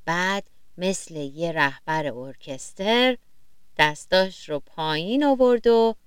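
A woman narrating a children's story gently and expressively, sometimes speaking straight to the young listeners. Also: on the low side, expressive, clear, resonant tone, dry recording.

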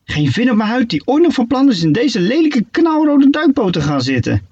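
A man voicing an excitable young female shark in a storybook reading, squealing with breathless excitement. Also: extremely high pitch, moderate pace, slightly rough, no room sound, voice pushed up, full character voice. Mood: thrilled. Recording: dull lo-fi recording.

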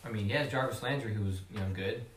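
A man's voice: on the low side, quick pace, far from the mic, a little hiss or hum. A man on a casual podcast panel, rambling with lots of filler words. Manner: rambling, lots of "like" and "you know". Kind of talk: casual chat about fantasy football. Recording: roomy echo, a bit off mic.

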